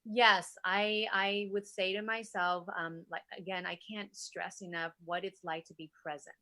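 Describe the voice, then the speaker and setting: A middle-aged Vietnamese woman, a native Vietnamese speaker and wellness entrepreneur, is a guest in a conversational interview, talking effusively and enthusiastically with frequent rhetorical asides. Her fairly low voice is bright and forceful, with fairly even intonation and a measured pace, recorded dry.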